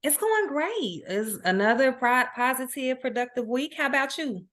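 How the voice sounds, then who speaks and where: A woman co-hosting a podcast, lively and enthusiastic in casual chat. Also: high-pitched, normal speed. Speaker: podcast co-host.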